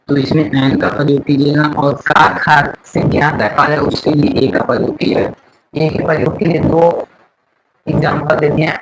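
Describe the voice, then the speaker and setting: A man's voice: on the high side, background noise. A man teaching an English grammar lesson, repeating words and letters and asking the class questions. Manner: slow, repeats words and letters aloud, asks questions to students.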